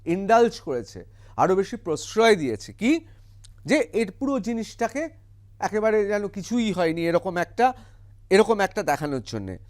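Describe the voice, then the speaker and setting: A male news commentator rips into his subject with scorn and heavy emphasis in heated political commentary. His high, darkish voice has a sing-song quality and jumps expressively from word to word. Every so often he stops to read English quotes aloud, then explains them.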